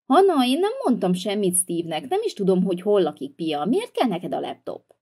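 A woman's voice: mid-range voice, big pitch swings, warm tone, breathy edge. A woman voicing a sulky, hot-tempered young boy in a toy-figure video, whiny and defiant.

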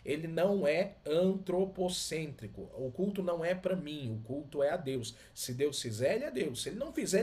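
In a small indoor study lined with bookshelves, a middle-aged man with a Brazilian accent teaches a Bible lesson as a Sunday school teacher and pastor. His high-pitched voice has a darkish tone, and he teaches emphatically and didactically, repeating key words.

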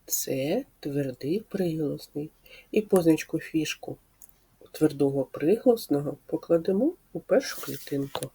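With a low, expressive and mellow voice, a woman speech therapist teaches preschoolers slowly and clearly. She patiently poses questions and confirms the children's answers.

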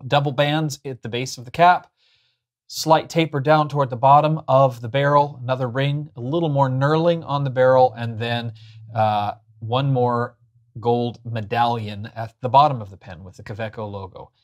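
A man in his thirties who hosts a pen review show talks casually to camera, explaining things as he goes in a chatty review. His medium-pitched voice keeps a fairly even intonation at a moderate pace. A lapel mic records him in a small furnished room indoors.

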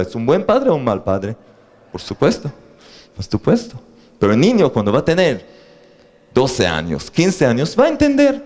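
A man teaching a lesson on faith to a live audience, asking them questions and joking between his points. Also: mid-range voice. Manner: animated, asks the audience questions, jokes. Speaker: religious teacher.

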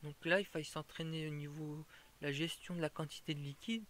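A man's voice: on the high side, fairly even intonation, fairly quick, a bit bright. A man explaining a fire-breathing tutorial in an informal way, stopping and restarting as he goes over each step.

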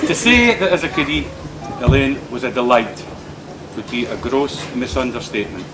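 A man's voice: medium pitch, lively intonation, moderate pace. A middle-aged man giving a teasing, dryly humorous father-of-the-bride speech at a wedding reception. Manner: teasing, dry humour, anecdotal. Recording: loud crowd noise at a reception.

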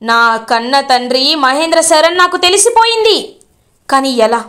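A woman's voice: high-pitched, sing-song, normal speed, fairly bright tone. A woman voicing an eager young man pressing his mother with questions.

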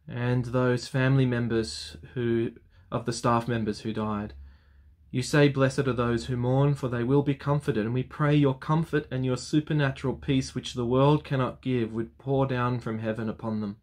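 This Anglican clergyman, in his thirties, prays aloud for viewers of his weekly vlog from an indoor study full of bookshelves, captured by a desk webcam. His medium-pitched voice is darkish and fairly even in intonation, carrying an earnest, solemn, measured rhythm.

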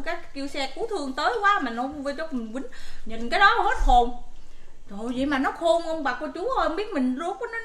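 A mother telling a family story in a casual vlog, animated and full of exclamations. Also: sits high, echoey room.

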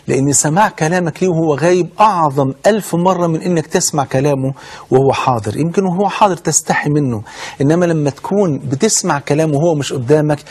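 Rapid husky Egyptian preacher man. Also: fairly high pitch. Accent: Egyptian Arabic. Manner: fervent, with rhetorical questions and oaths. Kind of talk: sermon.

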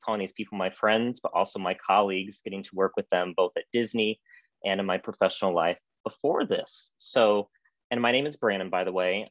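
An upbeat, chatty man in his thirties moderates a video-call panel from home, his voice sitting on the low side. The sound is dry and dull, typical of a video call through earbuds. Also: no room sound. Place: home room with piano.

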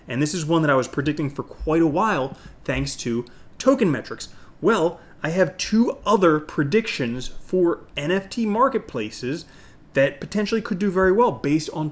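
A middle-aged man hosting an opinionated crypto video, talking like an informal, salesy crypto bro to the camera. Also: fairly high pitch. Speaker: crypto YouTube host.

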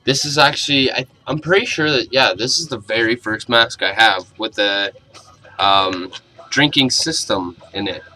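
A young man talks through a casual review in a small bedroom, picked up by a camera mic at arm's length. His voice is bright and forward, and his manner is blunt and informal. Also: medium pitch, normal speed, low-quality recording. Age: young adult. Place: small cluttered bedroom, indoors.

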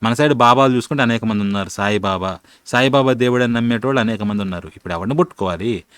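Talking very fast in a smooth, mid-range, slightly bright voice, a commentary channel host argues his case about religion. He's colloquial and combative, leaning on rhetorical questions, in a dry recording.

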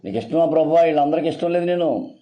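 A man's voice: a little high, very fast, dull audio, voice pushed up, close to an everyday voice. A man voicing an abandoned leper who weeps and pleads, lamenting that everyone has left him. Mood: pleading.

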